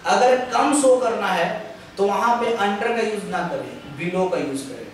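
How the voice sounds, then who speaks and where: A young man's high voice, full of lively intonation, carries a step-by-step grammar lesson at the chalkboard as he slowly draws out example sentences. He asks and answers his own questions, slipping English phrases into his Hindi. A distant camera records the echoey classroom, with slight background noise.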